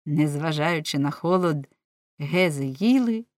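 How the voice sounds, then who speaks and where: Low-voiced woman narrating a storybook. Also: animated, a little slow, a little mellow, no room sound, clean studio sound. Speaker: audiobook reader. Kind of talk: scripted narration.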